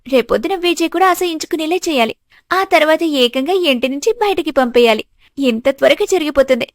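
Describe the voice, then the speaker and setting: Woman doing a sneering cartoon sister-in-law, spiteful and gloating, higher voice, dry close mic. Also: animated, brisk, dry recording. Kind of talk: animated storybook voice acting.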